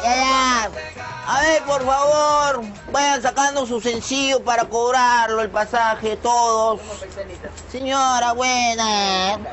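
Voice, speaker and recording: A man playing a naive Andean peasant woman who works as a bus fare collector in a TV sketch comedy, with a Peruvian accent, eager and obliging, calling out fares in a drawn-out singsong. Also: very high-pitched, fairly even intonation, over music. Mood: bossy. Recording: dull lo-fi TV audio.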